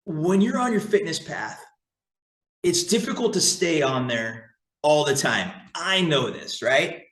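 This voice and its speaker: A man's voice: on the high side, very animated, measured pace, a bit bright. A man hosting a casual fitness podcast roundtable, talking with enthusiasm and many restarts. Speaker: podcast host. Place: fitness studio. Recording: roomy echo.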